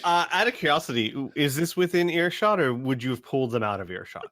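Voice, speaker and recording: A man's voice: on the high side, expressive, fast talker, fairly bright tone. A man running a tabletop role-playing game as game master, talking casually with his players. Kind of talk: casual game talk and narration among players.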